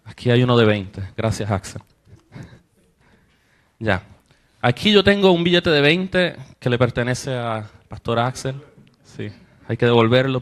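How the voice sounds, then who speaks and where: A young man preaching to a congregation, telling a personal story and acting out the voices of the people in it. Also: medium pitch. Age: young adult. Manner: storytelling, acts out quoted voices, rises with emotion. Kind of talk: sermon testimony to a congregation.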